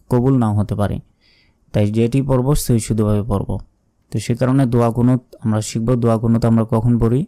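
Dark smooth-voiced guy teaching how to say a prayer right, flat delivery, dry close sound. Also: lowish voice, no echo. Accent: Bangladeshi Bengali. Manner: brisk explanations broken by slow, drawn-out recitation. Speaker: religious teacher. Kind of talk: pronunciation lesson.

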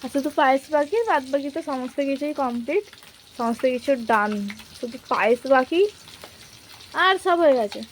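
A woman's voice: high voice, moderate pace, a little hiss or hum. A young woman vlogging casually from her home kitchen, chatting through each cooking step for her viewers on a handheld phone. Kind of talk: casual vlog narration.

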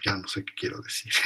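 A man teaches a math class in a loose, chatty way. He thinks out loud, trails off and corrects himself mid-sentence, and his voice has a husky, slightly breathy edge at a middling pitch. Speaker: math lecturer. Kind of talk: informal math lecture.

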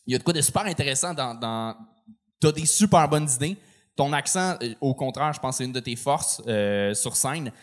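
A man's voice: mid-range voice, expressive, normal speed. A man giving feedback to a comedian on a comedy club stage, hesitant and searching for words. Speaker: comedy show judge.

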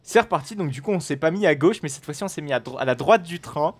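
A man giving live commentary on a game, excitable and rambling, with frequent swearing and exclamations. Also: on the high side, fast talker, slightly rough. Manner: rambling with many fillers and restarts. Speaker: gaming video host.

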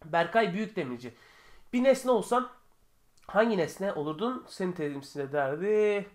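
A young man answering viewer questions in a casual vlog from his bedroom, chatty and joking, sometimes getting heated. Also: sits high. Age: young adult. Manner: chatty, joking, quick shifts between calm and heated.

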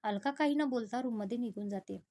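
Lady storyteller reading a family drama, steady even tone, fairly high voice. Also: brisk. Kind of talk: scripted story narration.

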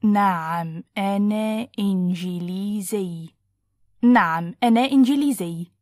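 A slow, deliberate woman teacher. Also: mid-range voice, a little mellow, no room sound, studio quality. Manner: clear, deliberate, splits phrases into single words. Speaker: language teacher. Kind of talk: slow word-by-word pronunciation drill.

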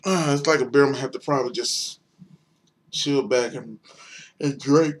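A man's voice: medium pitch, normal speed. A young man giving a casual, rambling beer review on video, hesitant and full of fillers.

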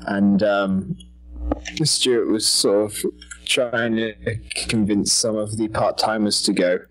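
A man in a casual gaming chat, talking haltingly with many fillers. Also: on the low side, fairly even intonation, low-quality recording. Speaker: guest player.

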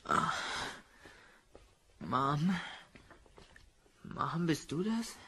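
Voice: medium pitch, very animated, drawn-out words, pushed and bright, a little hiss or hum, heavily acted. A performer voicing a confused, frightened teenage boy in an audio drama, stammering in panic. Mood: panicky.

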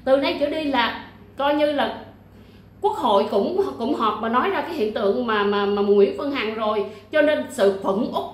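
A woman's voice: a little high, expressive, normal speed, echoey room. A woman delivering an emphatic vlog monologue, full of fillers, repetitions and blunt jabs. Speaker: YouTuber discussing a legal case. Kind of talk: casual livestream-style monologue.

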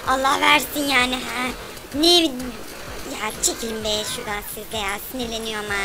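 A woman commentating a game for kids in a playful, whiny, complaining and excitable way. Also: on the high side, moderate pace, over music. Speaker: gameplay commentator.

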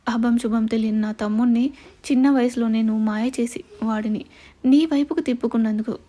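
A woman's voice: fairly high pitch, steady tone, brisk, mellow, natural voice. A woman playing a furious young father. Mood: stern. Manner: furious, stern. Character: angry young father seeking revenge.

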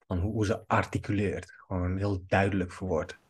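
A man's voice: sits low, steady tone, normal speed, husky. A man giving a video editing tutorial, talking in long rambling asides while he clicks through cuts at his computer. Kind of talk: screen-recorded editing tutorial commentary.

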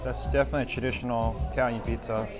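A food vlogger in his thirties films a restaurant review in a dining room with a handheld camera's small mic, music playing behind him. His mid-range voice is flat yet rapid-fire, and he's enthusiastic, repeating "wow" and "very nice."

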